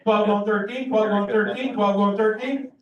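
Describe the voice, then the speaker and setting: A man's voice: sits high, steady tone, moderate pace, muffled recording, crowd noise. An American man working as an auctioneer, calling bids in a rhythmic, repetitive chant of numbers. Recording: echoey room, distant microphone.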